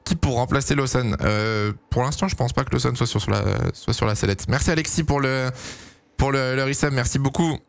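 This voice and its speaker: Excitable streamer man commentating. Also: mid-range voice, brisk, dry recording. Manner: excitable, pleading, swings to shouting at big moments. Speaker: streamer commenting a race live. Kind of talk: casual live watch-along commentary.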